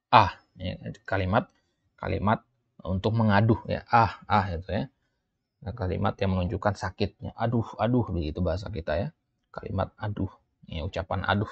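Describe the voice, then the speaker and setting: A man with a low, gravelly voice works through a lesson, lifting his tone to read each line slowly and then dropping into quieter asides to explain. The sound is dry and close, a little dull and muffled, with no room around it. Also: no echo. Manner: reads Arabic lines slowly, then translates and explains; lifts his voice when reading quotes, drops low for asides. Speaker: Arabic teacher. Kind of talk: explaining a textbook dialogue.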